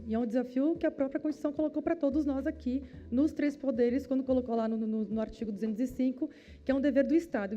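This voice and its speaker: A woman opening a conference session with a formal speech and measured delivery, sometimes repeating words as she searches for them. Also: high voice, warm tone. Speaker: event host.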